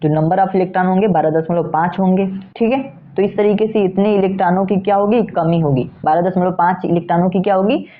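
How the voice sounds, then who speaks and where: A man's voice: sits high, fairly even intonation, fairly quick, hardly any pauses. A male physics teacher talks through an exam problem step by step. He asks questions and answers them himself, and keeps checking in with the listener. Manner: repeats steps, with frequent "theek hai" checks. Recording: tinny phone-like sound.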